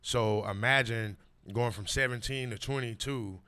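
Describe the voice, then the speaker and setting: Speaking at a measured pace, this 40-something man has a medium-pitched voice that sounds sharp, clear and resonant. He's a podcast guest recounting his own story, leaning hard on repeated street slang and emphatic phrasing, often dropping "you know what I mean."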